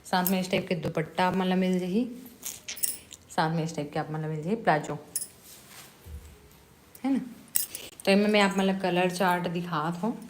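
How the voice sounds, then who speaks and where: A woman's voice: lowish voice, moderate pace, pauses often. A woman with a Chhattisgarhi accent, showing suits and saris in a casual sales vlog, coaxing and chatty with lots of tag questions. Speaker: vlogger selling clothes. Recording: echoey room with background noise.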